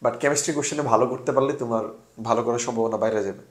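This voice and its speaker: A young Bangladeshi man leads a casual online class solving admission test questions, posing questions and answering them himself while mixing in English words. His medium-pitched voice stays steady as he speaks very fast in an echoey room.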